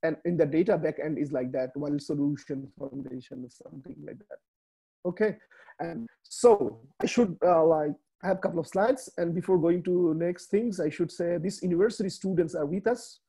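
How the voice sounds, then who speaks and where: A Bangladeshi man in his thirties, a native Bengali speaker with a Bangladeshi accent, presents slides as a webinar speaker on a video call from a small room. He speaks haltingly, with many fillers and restarts. His fairly high voice is gravelly, husky, and dark, and the recording quality is low.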